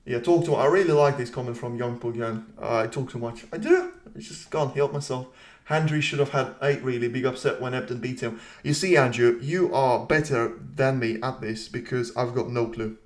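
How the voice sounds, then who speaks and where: A man's voice: medium pitch, normal speed. A man hosting a live stream, giving casual commentary and reading viewer comments aloud, with rambling, self-deprecating asides. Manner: chatty, reads viewer comments aloud and answers them.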